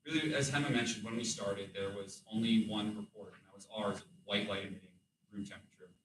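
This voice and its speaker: A man giving an academic thesis defense in a hesitant, hedging way, often pausing and correcting himself. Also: lowish voice, steady tone. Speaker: doctoral candidate presenting research. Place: room with audible echo. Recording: roomy echo, distant mic, background noise.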